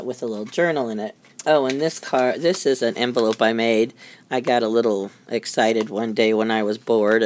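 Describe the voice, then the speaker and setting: A woman's voice: a bass voice, a little mellow. A middle-aged woman giving a casual, chatty show-and-tell of her handmade crafts, rambling and easily amused. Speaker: craft maker showing handmade journals. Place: indoors at a craft desk.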